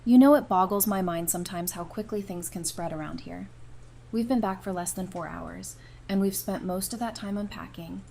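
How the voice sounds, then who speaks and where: In an audio drama, a woman voices a wry, affectionate apocalypse survivor, casual and dryly teasing, with a warm, wry mood. Her mid-range voice is creaky and darkish, lightly acted, at normal speed. Noticeable background noise and ambience surround her.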